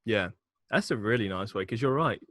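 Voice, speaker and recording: An agency founder appears as a podcast guest, speaking frankly and casually about his marketing work with occasional laughs and swearing. His lowish voice is expressive, a bit bright, and a little fast, in a dry recording.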